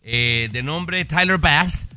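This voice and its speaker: A man's voice: fairly high pitch, slow pace, a crowd in the background. A man co-hosting a casual chat show, telling stories in an emphatic, playful way. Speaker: co-host.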